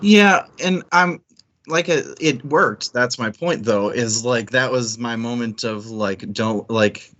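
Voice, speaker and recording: A man of medium pitch speaks slowly, his fairly bright tone coming through dull audio. As co-host of a book club livestream, he rambles through an informal book discussion, thinking aloud along the way.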